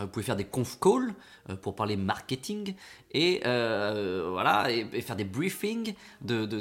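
A man with a mid-range, fairly bright voice co-hosts a comedic radio show. His banter rambles, and he stammers over repeated words.

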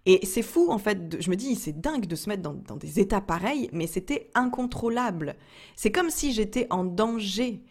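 A woman's voice: mid-range voice, expressive, moderate pace, darkish tone. A young woman speaking candidly in a casual personal vlog, chatty and confiding, often restarting her sentences. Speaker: vlogger.

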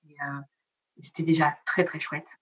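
In a loose, chatty interview, a middle-aged southern French woman with Italian as her mother tongue answers questions in a slightly low voice with little pitch movement. She hesitates frequently and trails off softly, and the recording is a bit muffled.

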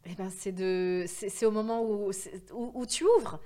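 A woman's voice: medium pitch, steady tone, a little slow, warm tone. A woman in her fifties telling her career story in a casual interview, chatty and full of hesitations. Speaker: guest, event agency founder.

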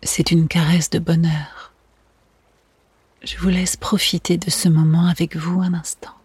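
A meditation guide speaking in a soft, soothing, breathy spa whisper, gently narrating a relaxation exercise. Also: medium pitch, little pitch movement, a little slow, no echo. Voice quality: breathy, hushed.

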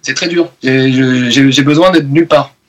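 A French man in his forties, a musician being interviewed casually on the radio, speaks at normal speed in a mid-range voice with fairly even intonation. The sound is lo-fi, and his loose talk is full of fillers and restarts.

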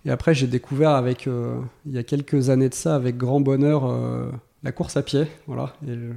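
Gravelly-voiced man musing in an interview. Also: medium pitch, level tone, brisk, mellow. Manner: thoughtful, many hesitations and restarts. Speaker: guest, tech executive. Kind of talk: casual interview talk.

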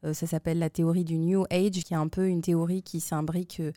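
A woman co-hosting a podcast, explaining things in a measured way with frequent hesitations. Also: fairly low pitch, flat delivery, dark tone, no room sound, clean studio sound. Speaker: podcast co-host. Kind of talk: casual podcast chat.

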